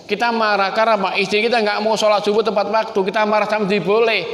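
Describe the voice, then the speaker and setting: A man's voice: high-pitched, little pitch movement, rapid-fire, a bit bright. A male preacher with a Javanese accent, giving a folksy sermon and talking straight to his listeners. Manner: folksy, addresses listeners as Pak and Bu, mixes in Javanese. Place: mosque or community hall. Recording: echoey hall with long reverb.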